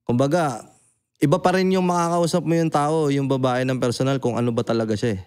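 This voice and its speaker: Animated man with a smooth, clear voice. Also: mid-range voice, brisk. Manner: animated, swears freely, peppers talk with "di ba?". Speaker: podcast host. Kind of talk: casual Tagalog podcast chat.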